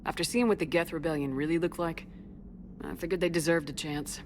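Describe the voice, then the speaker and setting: Actress playing steady female war-hero commander, deep for a woman, terse, controlled, video game drama, light background noise. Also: brisk, natural voice. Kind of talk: scripted video game acting.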